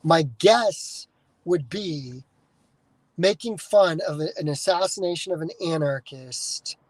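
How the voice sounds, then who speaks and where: A man's voice: fairly high pitch, slow pace, no room sound, poor audio. A man from the United States hosting a podcast, talking in a casual, rambling monologue full of restarts and swearing. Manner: digressive, swears freely, many restarts. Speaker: podcast host.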